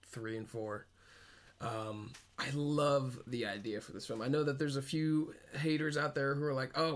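A man co-hosting a podcast in casual fan chat, talking excitedly and rambling, with frequent laughs. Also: medium pitch. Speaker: podcast co-host.

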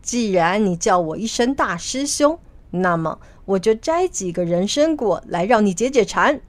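A woman's voice: mid-range voice, animated, moderate pace, no echo, lightly acted. Woman playing a boastful monkey king. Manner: boastful, commanding.

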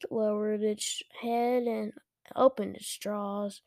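A woman hosting a podcast, reading a children's horror book aloud slowly and carefully, with small slips. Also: medium pitch, little pitch movement, a little mellow, no echo, studio quality. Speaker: podcast host and reader.

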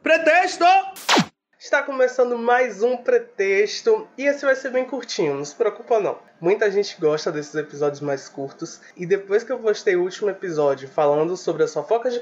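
A man hosting a casual podcast, talking in an emotional, halting way with frequent restarts. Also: high-pitched. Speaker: podcast host. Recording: dull lo-fi audio.

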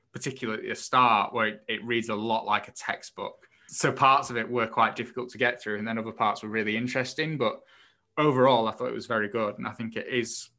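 A man's voice: mid-range voice, bright, forceful tone. A man co-hosting a podcast, explaining things in casual, somewhat tentative conversation. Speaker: podcast co-host reviewing a book.

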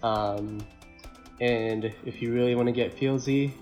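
A man chatting casually on a podcast in a laid-back, slangy way, often halting and repeating words. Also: medium pitch, steady tone, darkish tone, faint music behind. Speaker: podcast co-host or guest. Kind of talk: casual chat.

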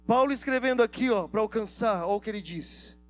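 High-voiced animated male preacher. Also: a little fast. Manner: animated, slangy storytelling, acting out dialogue. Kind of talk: sermon with storytelling.

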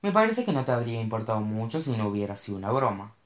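A man's voice: lowish voice, big pitch swings, fast. A narrator voicing a rich young male actor who talks in a cocky, teasing way. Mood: teasing, blunt. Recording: roomy echo.

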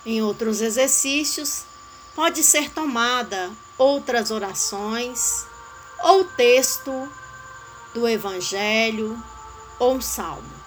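A woman giving a calm, measured devotional teaching on a way of praying. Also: fairly high pitch, soft background music, low-quality recording. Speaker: spiritual guide.

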